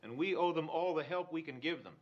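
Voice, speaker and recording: Male actor as civil rights adviser, forceful and lecturing, muffled recording. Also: a little high, brisk, natural voice. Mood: urgent.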